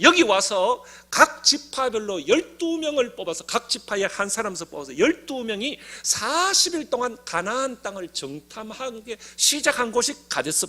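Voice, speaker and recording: A middle-aged pastor with a Gyeongsang accent preaches in a very high, highly expressive voice. He tells the story with animation and leads the congregation to repeat key phrases after him. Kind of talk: sermon.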